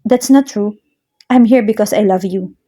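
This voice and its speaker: A woman's voice: mid-range voice, unhurried, dark tone, close to an everyday voice. A woman voicing a tearful young ex-girlfriend who begs to be forgiven. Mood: pleading. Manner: begging, sobbing.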